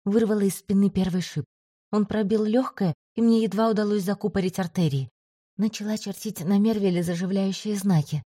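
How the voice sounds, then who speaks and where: Brief: woman audiobook narrator, steady first-person read, mellow tone, dry close sound. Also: mid-range voice, slightly rough, dry recording.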